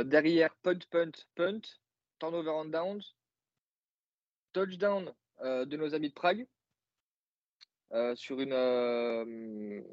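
A man's voice: mid-range voice, a little mellow, dry recording, lo-fi sound. A man co-hosting a podcast, casually recapping a football game with many fillers and joking asides. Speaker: podcast co-host, football analyst.

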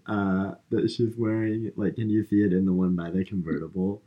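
A man's voice: low voice, little pitch movement, normal speed, breathy edge, phone-quality sound. A man co-hosting a casual podcast, jokey and swearing freely. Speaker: podcast co-host. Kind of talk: casual chat.

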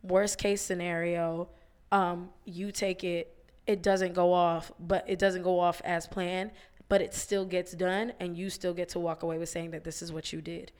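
A woman co-hosting a casual podcast chat, her voice hoarse and raspy, talking bluntly with profanity and slang. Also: lowish voice, little pitch movement, normal speed, darkish tone. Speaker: podcast co-host.

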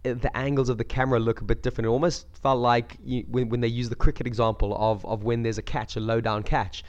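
A man croaky from a cold, chatting casually about sport as a podcast co-host. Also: medium pitch, little pitch movement, fast talker. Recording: dull lo-fi audio.

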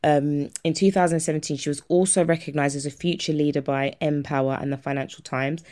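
Low-voiced friendly woman host. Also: steady tone, brisk. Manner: warm, laughs often, friendly. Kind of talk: reading an introduction, then casual interview.

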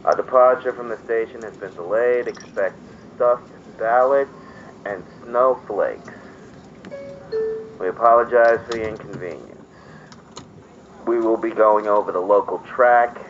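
Male actor as a deadpan train announcer, low voice, muffled PA with faint rumble. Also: measured pace, pauses often, close to an everyday voice. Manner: flat, formal public-address delivery.

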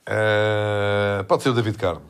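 A man's voice: fairly low pitch, flat delivery, measured pace, clear, resonant tone. A man with a European Portuguese accent, trading dry quips on a comedy podcast. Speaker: podcast co-host.

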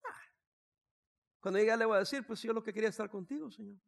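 A sixty-year-old pastor delivers a sermon in a high voice with a gravelly rasp. He tells stories with humor, drops to quiet asides, then rises to shouted declarations. His gravelly voice stays high-pitched even when he speaks softly. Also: fast. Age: 60s.

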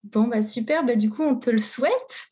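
A woman's voice: fairly high pitch, moderate pace, a little mellow, breathy edge. A woman hosting a podcast, asking friendly questions with hesitant restarts. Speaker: podcast host. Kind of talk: podcast interview.

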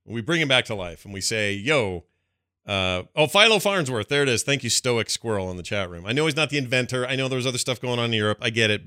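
A middle-aged man co-hosting a podcast in casual chat, rambling and animated, slipping into little put-on voices as he tells a story. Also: mid-range voice, clean tone, no room sound, clean studio sound. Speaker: podcast co-host.

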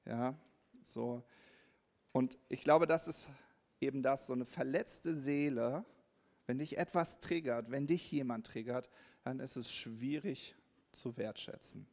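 A man preaching a lively, conversational sermon at a church service, often checking in with his listeners and acting out his own inner voice. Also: mid-range voice, unhurried. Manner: checks in with listeners by asking 'ja?'. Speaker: pastor.

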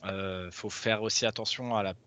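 A man's voice: fairly low pitch, fairly even intonation, normal speed, sharp tone. A man hosting a casual sports analysis discussion, speaking in hesitant phrases peppered with English jargon. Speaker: sports podcast host. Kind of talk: casual American football draft analysis.

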